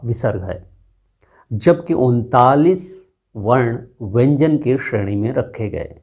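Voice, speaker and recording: A male teacher gives a grammar lesson at a slow, unhurried pace, drawing out each sound as he demonstrates it. His voice is mellow and dark, and the recording sounds dull and lo-fi. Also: medium pitch. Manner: slow and deliberate, stretching out sounds to demonstrate them. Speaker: teacher and channel host.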